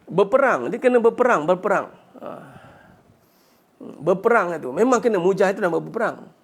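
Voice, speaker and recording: Male religious teacher, high voice, gravelly edge, earnest lecture, rhetorical questions. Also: expressive, brisk. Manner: punctuates points with "ha" and rhetorical questions; earnest, urging listeners to fight back.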